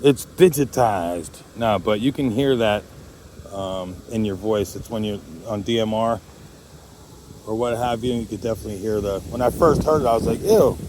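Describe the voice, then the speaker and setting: A man's voice: lowish voice, moderate pace, noisy background. A man chatting casually to viewers as a hobbyist vlogger, in a rambling, jokey way. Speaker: amateur radio hobbyist vlogger.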